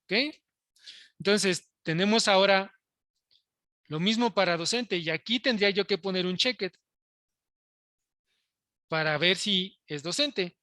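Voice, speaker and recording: A male programming teacher walks students through code, pausing often to ask if they follow. His voice is bright and forward, recorded close and dry with no room sound. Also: high voice, dry recording. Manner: explains step by step, checks in with students often. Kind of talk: live coding lesson to students.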